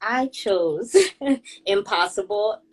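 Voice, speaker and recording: Husky-voiced young woman telling stories. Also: medium pitch, drawn-out words, low-quality recording. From Kenya. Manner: chatty, laughs often while telling stories. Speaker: guest, hairstylist and blogger. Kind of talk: casual conversation on a group audio call.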